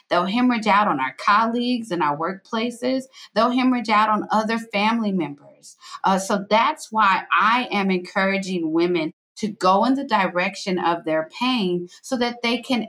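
Woman author guest, mid-pitched, earnest and expressive, quick to laugh mid-sentence. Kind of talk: conversational interview.

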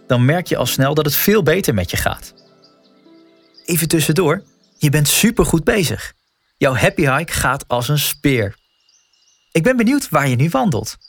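A man narrating a scripted guided wellness walk as a coach, speaking informally and encouragingly straight to the listener. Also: on the high side.

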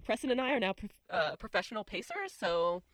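A woman's voice: mid-range voice, lively intonation, fairly quick, fairly bright tone, no room sound. A woman hosting a podcast, chatting and interviewing in an informal, upbeat way. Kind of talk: casual chat.

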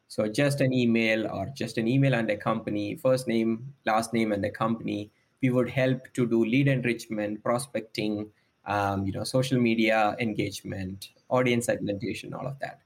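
A man's voice: on the low side, steady tone, moderate pace. A man, a startup founder talking through his career in a podcast interview, thoughtful and hesitant with many ums. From India.

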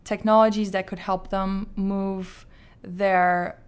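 A woman answers questions as an interview guest. Her voice sits at an average pitch for a woman and comes across smooth and clear. The delivery is conversational. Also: little pitch movement, slow pace. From Azerbaijan. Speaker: interview guest, startup founder.

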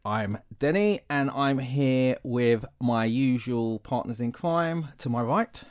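A man's voice: mid-range voice, takes it slowly. A man hosting a podcast in casual chat, rambling and stumbling over his words. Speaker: podcast host.

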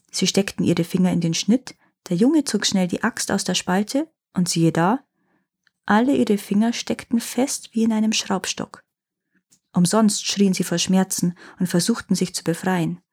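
Mellow, husky woman reading a fairy tale. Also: medium pitch. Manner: calm, gently acted dialogue. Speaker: storyteller.

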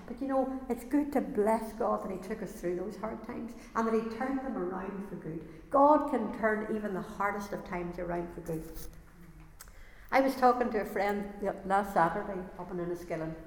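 In a reverberant church or hall, a woman with a mid-range voice delivers a sermon at a moderate pace. She speaks earnestly to the congregation, building each point through repeated words, and long echoes trail her speech.

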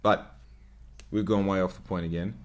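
Low-voiced man in his twenties rambling on a podcast. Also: fairly even intonation, moderate pace. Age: 20s. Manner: rambling, profane, filler-heavy with frequent "like". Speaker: podcast host. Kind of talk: solo podcast monologue.

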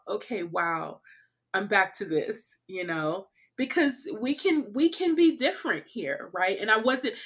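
Woman guest on a podcast telling travel stories, chatty and animated, laughs a lot, says "like" and "you know" constantly, middle-range voice. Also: medium pitch. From California. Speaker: interview guest. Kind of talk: casual conversational storytelling.

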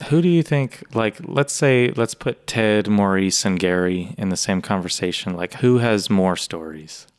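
A man's voice: lowish voice, unhurried, smooth. A man co-hosting a casual podcast, chatting in an easygoing, agreeable way. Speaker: podcast co-host, music store employee.

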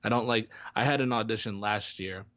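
A man's voice: fairly low pitch, a little fast, fairly bright tone, no room sound, dull audio. A man co-hosting a podcast in casual chat, rambling with many restarts and fillers. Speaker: podcast co-host. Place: home in Florida.

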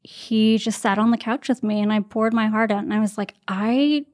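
A woman's voice: mid-range voice, completely flat delivery, brisk. A woman in her thirties, a podcast guest, telling a personal story in conversation and acting out the voices she quotes, with fillers along the way.

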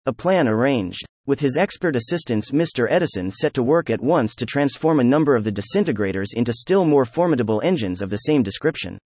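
A man narrates a story at a middle pitch, reading in an even, unhurried way. The sound is close and dry, with no room around the voice. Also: no room sound. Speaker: audiobook narrator. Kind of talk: scripted narration.

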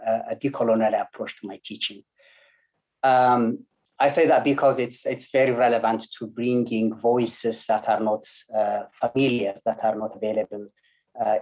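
A man from Ethiopia with a medium-pitched, somewhat dark voice speaks as a lecturer on an online academic panel. His delivery is hesitant, full of fillers and false starts.

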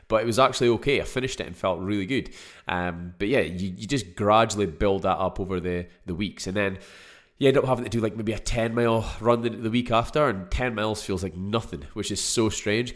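A Scottish man talks to his podcast listeners in a deep voice that is stuffed up from a cold. His delivery is informal and chatty, wandering loosely from one thought to the next as he speaks on his own. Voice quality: congested, choked up from a cold. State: has a cold. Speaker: podcast host. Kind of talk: casual solo podcast talk.

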